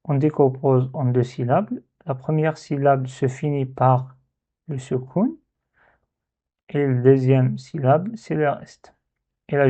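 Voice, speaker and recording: A man teaching Arabic letter reading in a step-by-step lesson, patiently repeating syllables to demonstrate. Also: medium pitch. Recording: tinny phone-like sound.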